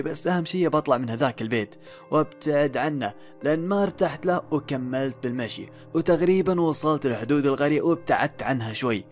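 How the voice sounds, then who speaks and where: Fast-talking man telling a horror story. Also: on the high side. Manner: suspenseful, dramatic pauses and self-questions. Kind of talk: first-person horror story narration. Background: faint background music.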